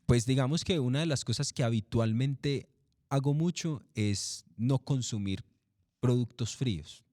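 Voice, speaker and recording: A middle-aged man, a commercial voice-over artist talking in an interview, relaxed and repetitive, asking and answering his own questions. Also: medium pitch, measured pace, no echo, studio quality. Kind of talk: interview, casual explanation.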